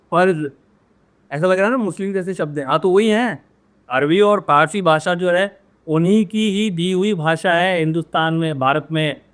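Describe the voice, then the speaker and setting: Man teaching grammar, repeating words slowly. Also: high voice, clear, resonant tone. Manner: addresses viewers directly with frequent "है ना?". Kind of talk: classroom-style grammar lesson.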